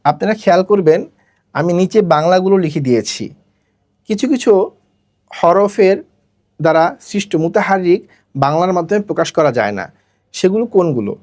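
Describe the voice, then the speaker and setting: A Quran recitation teacher giving a pronunciation lesson, drilling syllables slowly and asking students to repeat after each one. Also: mid-range voice, expressive, a little mellow.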